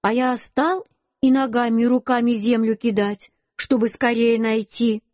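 A woman reading a children's story aloud, slow and expressive in a childlike storytelling manner. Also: fairly high pitch, no room sound. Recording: dull lo-fi dry recording.

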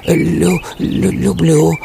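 Storybook father hare, timid and stammering, higher voice, played by a man. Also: flat delivery, drawn-out words, vocal fry, mellow, a little hiss or hum, full character voice.

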